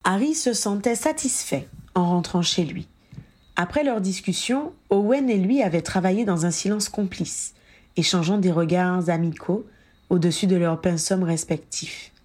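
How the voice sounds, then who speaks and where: A woman with a fairly low voice narrating an audiobook of a fan story. Her telling is steady and even throughout. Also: normal speed. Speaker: audiobook reader.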